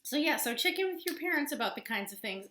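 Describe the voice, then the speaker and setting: An elementary teacher in her forties gives children an informal lesson and read-aloud, explaining things simply and expressively. Her voice sits high, quick and expressive, bright and forceful, in a room with roomy echo and faint background noise.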